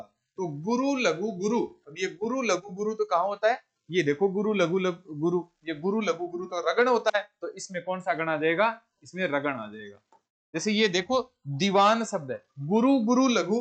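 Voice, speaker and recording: High-voiced man teaching a grammar lesson. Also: fairly bright tone. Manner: repeats questions and answers them himself; corrects himself mid-sentence. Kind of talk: exam-prep grammar lesson.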